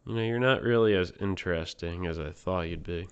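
A male podcast host with a New Jersey accent who speaks hesitantly and leans on fillers. His voice sits on the low side and comes across smooth and clear. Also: fairly quick, muffled recording. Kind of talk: comedy podcast sketch.

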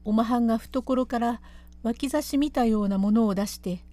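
A woman's voice: a little high, moderate pace, dark tone, no room sound, lightly acted. A woman doing an anxious pleading brothel attendant. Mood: pleading, alarmed. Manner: old pleasure-quarter courtesan speech, urgent and coaxing.

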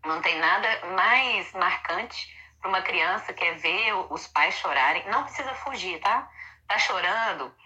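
A woman, a child psychologist, explaining calmly in a casual interview and acting out quoted children and mothers. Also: medium pitch, a little slow. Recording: dull lo-fi phone line.

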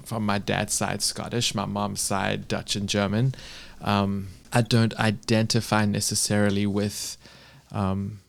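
A man from South Africa talking thoughtfully in a casual conversation, with soft laughs between his points. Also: on the low side, vocal fry.

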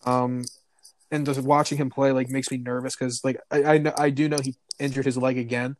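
A man's voice: mid-range voice, flat delivery, a little fast, darkish tone. Rambling male sports podcast guest. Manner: rambling, hesitant, repeats words. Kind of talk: casual sports podcast chat.

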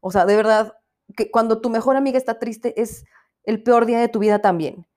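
Profane Mexican woman ranting, high voice. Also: a little fast, a little mellow. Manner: mimics others in put-on voices. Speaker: podcast host reviewing a series. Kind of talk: casual spoken review.

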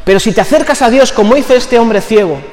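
A man preaches with fervent emphasis, his voice sitting unusually high for a man. It rings through a church hall with lots of echo and a long trailing reverb. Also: fast talker, darkish tone. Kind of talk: sermon.

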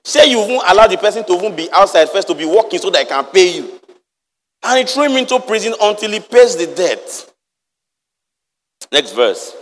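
Emphatic preacher in an echoey hall. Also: male voice, high-pitched, sing-song, brisk, long pauses, fairly bright tone. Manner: emphatic, rhetorical questions to the congregation. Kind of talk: lively sermon with Bible reading.

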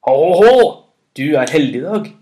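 A man voicing a big, boastful thunder god who shouts and laughs heartily in a storybook tale. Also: fairly high pitch, animated, close to an everyday voice. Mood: hearty. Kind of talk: storybook narration.

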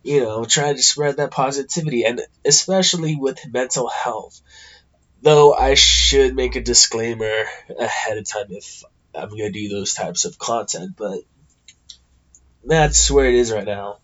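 Male podcast host, American, stuffed-up nose, slow casual delivery, blunt and sweary, slightly dull lo-fi sound. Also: medium pitch, fairly bright tone. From California, United States. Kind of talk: casual rambling solo podcast talk.

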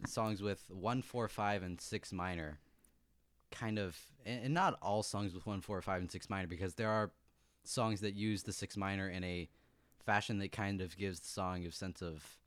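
A man's voice: low voice, fairly even intonation, normal speed, no room sound. A man co-hosting a casual podcast chat, musing and often restarting as he explains chords. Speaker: podcast co-host.

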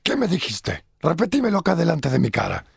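A raspy, gravel-throated hothead who keeps pressing for a fight. His voice is rough and breathy, and it rises and falls sharply as he repeats his demands. The sound is dry and close, as in a radio comedy sketch. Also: on the high side, huge pitch swings, a little fast, no room sound, exaggerated voice. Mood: menacing. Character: hot-headed man spoiling for a fight.

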